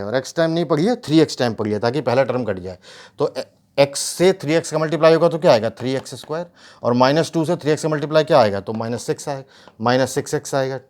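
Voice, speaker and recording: In a mid-range, slightly mellow voice, a male teacher works through a math problem on the whiteboard. He explains the steps, asks rhetorical questions, and mixes English math words into his speech.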